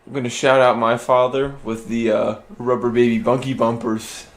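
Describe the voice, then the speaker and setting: A man cracking wry jokes through a casual podcast chat. His pitch sits in the middle range. The sound rings with a roomy echo around him. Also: level tone, moderate pace. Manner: joking, wry quips. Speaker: podcast co-host.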